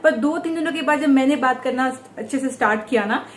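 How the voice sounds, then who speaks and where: A young woman chatting casually in a home vlog, talking quickly and fluently. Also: high-pitched. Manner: chatty and quick, mimics others' speech. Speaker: vlogger. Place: indoor home. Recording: echoey room, faint background noise.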